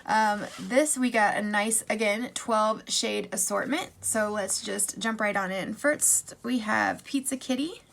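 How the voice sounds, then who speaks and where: A woman's voice: mid-range voice, unhurried, gravelly, hardly any pauses, a bit bright. A woman beauty vlogger giving a chatty makeup tutorial in a gushing, bubbly way with casual asides.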